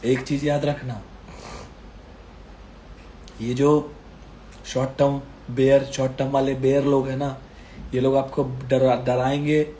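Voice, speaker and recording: A man in a casual market commentary video speaks in a dark, mid-range voice with little pitch movement, slowly and with long pauses. He's unwell, coughing through a strained throat as he emphatically repeats phrases to reassure viewers. A little hiss or hum is present.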